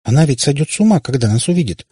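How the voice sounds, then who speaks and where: A man's voice: medium pitch, very animated, rapid-fire, mellow, breathy edge, no room sound, studio quality, pitched above the performer's own voice. A male narrator voicing a frightened little girl who stammers and speaks on the verge of tears. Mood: anxious. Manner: timid, tearful, stammering.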